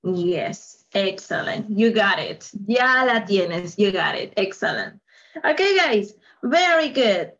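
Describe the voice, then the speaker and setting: A woman's voice: medium pitch, sing-song, takes it slowly, a bit bright, highs cut off. A woman teaching a live online English lesson, upbeat and full of praise, switching between Spanish and English.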